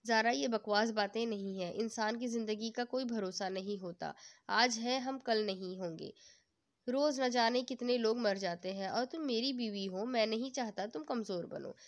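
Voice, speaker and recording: A woman's voice: fairly high pitch, normal speed, close to an everyday voice. A woman reading the lines of a playful young husband who teases and comforts his wife. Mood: teasing, tender. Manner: teasing, coaxing.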